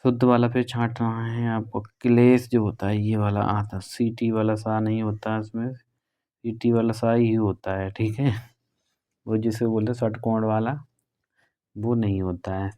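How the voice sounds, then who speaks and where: Brisk teacher with a smooth, low voice. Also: male voice, warm tone. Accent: Hindi, northern India. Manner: brisk and conversational, drawing out key words. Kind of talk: exam prep lesson going through questions.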